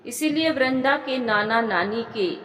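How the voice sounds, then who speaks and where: A woman's voice: on the high side, expressive, a little slow, fairly bright tone. A woman voicing a timid middle-aged father who reasons and pleads. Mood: pleading. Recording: echoey room with long reverb.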